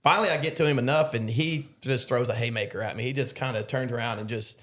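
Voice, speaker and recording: A man's voice: mid-range voice, fast. A middle-aged man, a podcast guest telling a story casually, acting out quotes with lots of fillers. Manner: animated storyteller, acts out quotes, many fillers. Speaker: podcast guest, loan officer.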